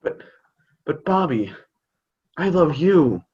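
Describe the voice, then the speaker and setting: Man as fond fumbling dad, lively swooping pitch, halting delivery, theater comedy, slightly dull lo-fi sound. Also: crowd noise. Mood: gentle, sincere. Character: fond, hesitant, slightly awkward suburban dad. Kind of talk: scripted youth theater comedy acting.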